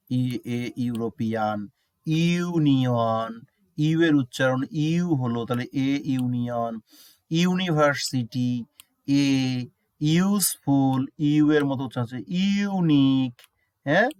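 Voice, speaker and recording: A man teaching a grammar lesson, who keeps checking with students, mixes English examples into his explanation and repeats words slowly to show how they sound. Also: mid-range voice, a little mellow, clear, resonant tone, dry recording. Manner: asks students frequent check questions.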